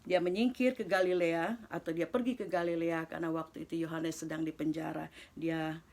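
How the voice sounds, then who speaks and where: A woman reading scripture softly and slowly, often dropping into a breathy whisper, then explaining the passage in a loose, talkative way with many fillers. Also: low-pitched, steady tone. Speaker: Bible teacher.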